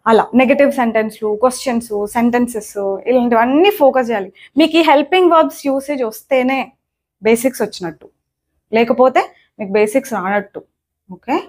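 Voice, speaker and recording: A woman's voice: fairly high pitch, brisk, darkish tone. Young female language teacher, patient and repetitive, drilling grammar. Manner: repetitive, checks in with "okay?" often. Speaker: English teacher. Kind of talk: spoken lesson explaining grammar.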